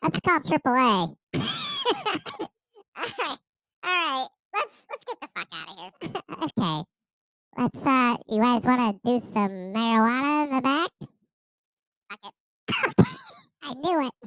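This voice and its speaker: Men putting on high sped-up chipmunk voices as drunk, swearing cartoon chipmunk brothers in a comedy podcast skit. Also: male voice, very animated, unhurried, long pauses, sharp tone, no echo, heavily acted, poor audio. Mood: drunk, giggly. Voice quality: squeaky, swearing, giggly. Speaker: podcast hosts.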